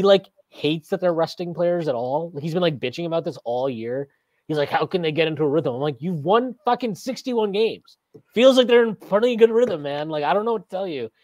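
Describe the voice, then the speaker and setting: Podcast host, man, 30s, lively and rambling, reads chat comments, laughs a lot, dry webcam audio. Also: a little high, no room sound. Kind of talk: casual postgame chat. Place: small room indoors. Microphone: video call webcam.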